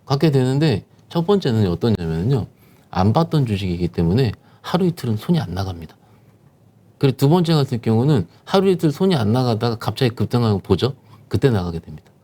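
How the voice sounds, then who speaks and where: A man's voice: mid-range voice, very animated, brisk, dark tone. A man, a securities firm manager, explaining stock market conditions as a guest, emphatic and posing rhetorical questions.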